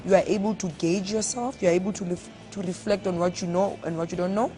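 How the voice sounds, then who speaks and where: Woman, lowish pitch, mellow tone, interview soundbite, earnest and emphatic. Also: steady tone, quick pace. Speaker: conference delegate. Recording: faint music underneath.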